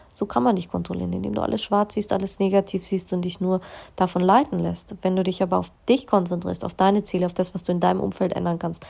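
A woman giving a calm, meditative spiritual self-help monologue, slowing down on key phrases and sometimes dropping into a soft whisper. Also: fairly low pitch, gravelly. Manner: slow, drawn-out emphasis on key phrases.

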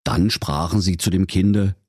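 A man's voice: low-pitched, steady tone, a little slow, a little mellow, husky, no echo, studio quality. A man narrating a comic fairy tale in a mock-solemn storybook manner.

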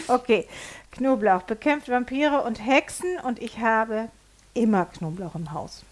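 A woman's voice: on the high side, very animated, slow. Playful German woman co-hosting a podcast. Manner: playful, laughs often. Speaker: podcast co-host. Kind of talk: casual chat.

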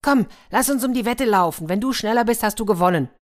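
A woman's voice: fairly high pitch, fast, voice pushed up, lightly acted. A woman voicing a playful dragon who is tired of fighting, speaking in a cheerful, challenging way in a children's story reading.

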